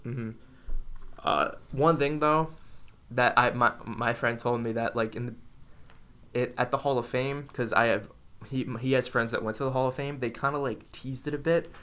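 A young man with a bright, ringing voice chats casually as a podcast co-host. He rambles enthusiastically from point to point, his pitch sitting right in the middle of the male range. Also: steady tone, normal speed, clear, resonant tone. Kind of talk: casual chat.

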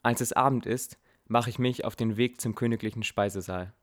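A man's voice: medium pitch, steady tone, a little fast. A man narrating a dramatic story in the first person, earnest and reflective, with blunt casual swearing.

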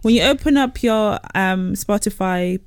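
A woman with a London accent co-hosts a casual podcast. She talks in slangy London street style, teasing and ranting, in a mid-pitched voice recorded dry and close. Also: measured pace, no echo. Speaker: podcast co-host.

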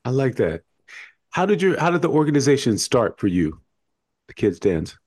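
A man's voice: medium pitch, sing-song, normal speed, a little mellow, slightly rough, dry recording. A man hosting a casual interview, asking questions and responding conversationally. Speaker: interviewer, podcast host.

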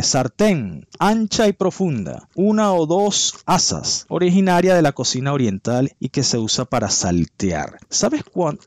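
A man hosting a word-of-the-week segment in a playful, casual tone, quizzing the listener and spelling words out slowly. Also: mid-range voice, darkish tone. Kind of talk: lively casual commentary.

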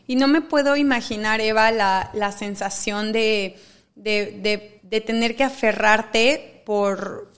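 A woman's voice: mid-range voice, fairly even intonation, slow, fairly bright tone, smooth. A woman host, reflecting with empathy on her guest's story. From Mexico. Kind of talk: conversational interview.

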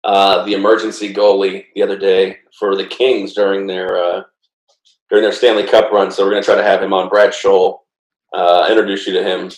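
A man's voice: low voice, level tone, fairly quick, reverberant, poor audio. A man co-hosting a casual sports podcast, rambling and playful, with lots of fillers. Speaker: podcast co-host.

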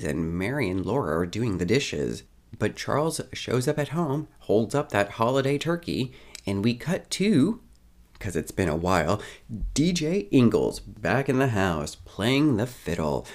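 Animated low-voiced man recapping an episode. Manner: chatty, animated retelling.

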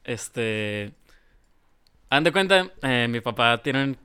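A man with a Mexican accent, a guest on a chat show, telling a story in a relaxed way with many fillers. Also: medium pitch, slow pace, clear, resonant tone. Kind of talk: casual storytelling.

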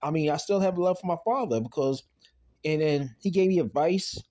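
On his podcast, a man with a fairly high voice casually recaps a TV episode at a moderate pace. He rambles, leaning on "I mean" and "though," and speaks quietly about his late father.

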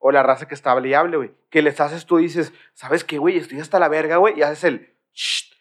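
Man, Mexican Spanish accent, podcast co-host, swears freely, laughs a lot, slightly high pitch. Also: fairly even intonation, fast talker. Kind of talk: casual crude banter.

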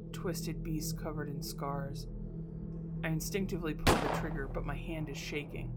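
Low-voiced woman narrating horror. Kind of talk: first-person dramatic horror narration. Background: prominent music.

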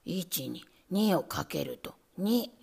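A nervous, pompous little rat stammers through his lessons, low, slow and whispery, as a woman reader puts him on. He clears his throat to seem important. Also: animated, a little mellow, full character voice. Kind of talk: storybook reading.

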